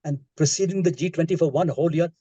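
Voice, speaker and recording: Man, emphatic commentator, glitching breaking-up call audio, dull lo-fi sound, mellow dry voice. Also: on the high side, fast talker, husky, no room sound. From India. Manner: emphatic, repeats words for stress. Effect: glitching, breaking-up video call audio. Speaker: political commentator guest. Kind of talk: remote panel discussion. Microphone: video call.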